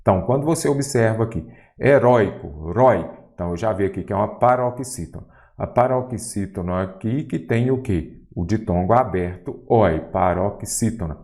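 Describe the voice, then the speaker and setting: A man's voice: lowish voice, normal speed, a little mellow. A man teaching a grammar lesson for exam prep, quizzing the viewer with rhetorical questions.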